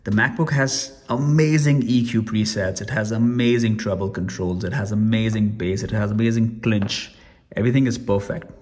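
A man's voice: fairly low pitch, moderate pace, a little mellow. Guy doing a casual gadget review in his room, chatty, rambles n restarts a lot. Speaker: tech reviewer. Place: room at home.

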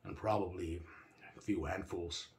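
A man reading a gritty first-person action story aloud, in an expressive, rough-edged storytelling manner with plenty of swearing. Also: sits low, measured pace. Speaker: narrator.

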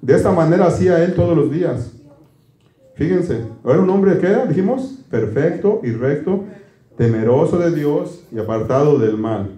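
A man's voice: fairly high pitch, animated, normal speed, warm tone, reverberant. A man preaching a conversational sermon, folksy and quizzing his congregation with questions. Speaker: pastor.

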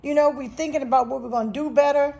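This grocery haul vlog features a woman speaking fast in a high, mellow voice with vocal fry and fairly even intonation. She's chatty and casual in her home kitchen, holding her phone to film, and often says "you guys" and "um".

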